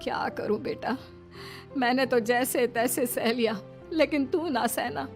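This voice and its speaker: A woman's voice: on the high side, unhurried, faint music behind, voice pushed up. A woman voicing a kind, long-suffering older mother-in-law giving earnest advice in a cartoon story. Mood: tender, weary.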